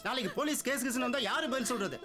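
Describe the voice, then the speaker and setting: A man's voice: very high voice, very fast, music in the background. An actor playing a stern, irate landlord scolding his tenants. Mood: angry. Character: irate middle-aged landlord, stern and blustering. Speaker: house owner.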